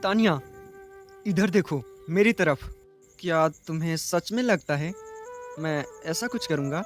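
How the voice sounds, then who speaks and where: A man's voice: high-pitched, soft background music, lightly acted. A man playing a protective, hot-tempered young husband in an audio drama, talking earnestly. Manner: earnest, quickly angry. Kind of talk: Hindi audio drama acting.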